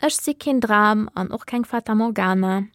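A woman's voice: medium pitch, moderate pace, no echo, studio quality, lightly acted. A woman voicing a playful, teasing male furry creature with a long tail and paws, in a children's radio story.

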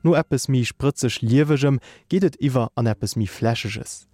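A man reading a scripted music review for radio in a measured way. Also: medium pitch, a little mellow, dry recording. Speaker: music critic.

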